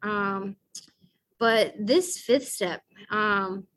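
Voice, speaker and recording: At a recovery meeting, a Southern American woman shares her own story in a chatty, self-deprecating way, packed with fillers and small acted-out quotes. Her mid-range voice is fairly bright and she speaks extremely slowly.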